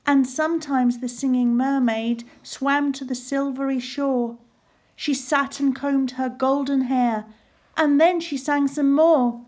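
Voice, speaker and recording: A woman narrating a rhyming children's storybook aloud in a measured, sing-song way. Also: high-pitched, fairly even intonation, darkish tone.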